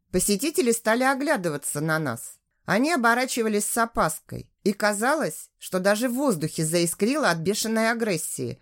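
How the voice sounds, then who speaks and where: A woman narrating a first-person audiobook in an expressive, lively reading. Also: medium pitch.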